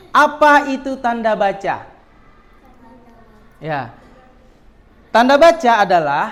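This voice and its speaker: A teacher leads a lesson in a classroom full of children, with a voice of middling pitch. The delivery keeps turning into quick questions to the pupils, checking they follow along. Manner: quizzes pupils often, with frequent tag "ya".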